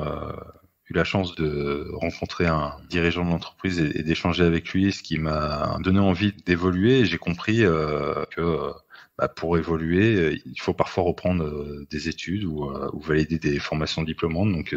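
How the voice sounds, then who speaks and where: Low-voiced hesitant man. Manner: hesitant, many fillers and restarts. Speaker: assistance worker interviewee. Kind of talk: recorded testimony. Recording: dull lo-fi sound.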